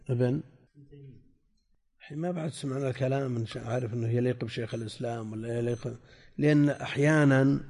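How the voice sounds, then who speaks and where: An older man teaching a classical text lesson, reading passages slowly, repeating and spelling out word forms, and putting questions to his students. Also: medium pitch, a little mellow. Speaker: sheikh teaching hadith commentary. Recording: lecture hall with long reverb.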